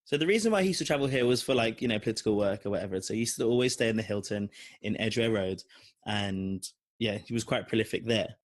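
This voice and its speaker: A young man from London with a fairly low pitch speaks quickly in his London accent. He co-hosts a podcast and tells a long, rambling personal story, animated and full of fillers, in casual storytelling chat.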